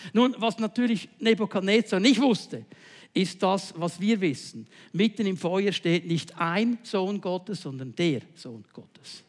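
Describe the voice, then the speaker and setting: A man preaching a sermon, swinging between loud emphatic lines and quiet low passages and often turning to the listener with short checking questions. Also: long reverb tail.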